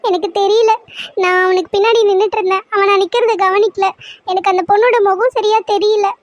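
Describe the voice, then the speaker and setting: A woman plays a weepy, heartbroken young woman in a cartoon serial. The voice sits very high and thin, close to a child's. She pleads to be left alone. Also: fairly even intonation, brisk, no room sound, highs cut off. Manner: tearful, pleading.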